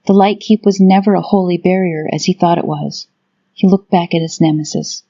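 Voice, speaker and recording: Low-voiced woman narrating fantasy. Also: steady tone, moderate pace, dark tone, highs cut off. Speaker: audiobook narrator. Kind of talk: scripted dramatic fantasy narration.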